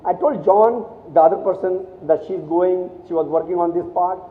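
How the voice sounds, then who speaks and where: A man's voice: high-pitched, moderate pace. A man from India giving a motivational speech to students, telling stories animatedly with many restarts and repeated words. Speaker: guest speaker at a college. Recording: echoey hall, thin phone-like sound.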